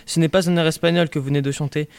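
A man's voice: a little high, fairly even intonation, rapid-fire, gravelly, darkish tone, clear, resonant tone, no echo. A man voicing a polite, easygoing male traveler in an audio drama reading. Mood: courteous.

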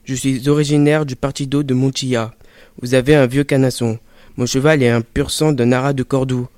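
A man's voice: mid-range voice, flat delivery, a little fast, darkish tone, no echo, studio quality, lightly acted. A man playing a proud, guarded bandit in a read-aloud drama, terse and clipped. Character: proud male bandit traveler, guarded and brusque. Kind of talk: audiobook drama role.

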